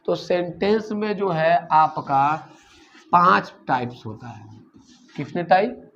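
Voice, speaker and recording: A man's voice: sits high, expressive, takes it slowly, fairly bright tone, a little hiss or hum. A man teaching a grammar lesson, explaining step by step and asking rhetorical questions as he goes. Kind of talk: classroom-style grammar lesson. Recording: dull lo-fi recording.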